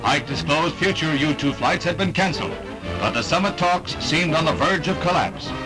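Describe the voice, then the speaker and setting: A man's voice: a little high, normal speed, rough recording. A man narrating an old newsreel in an emphatic, dramatic announcing manner. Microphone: studio voice-over. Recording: narration over loud orchestral music.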